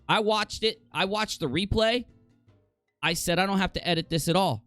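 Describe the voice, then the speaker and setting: Streamer host, male, lively pitch, talkative ranter with faint music behind. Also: dry recording. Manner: animated, ranting, swears casually. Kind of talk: casual livestream chat.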